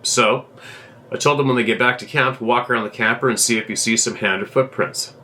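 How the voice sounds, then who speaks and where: A man hosting a show, reading a viewer's letter aloud as a steady, plain story with small restarts. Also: mid-range voice, fairly quick, slight background noise.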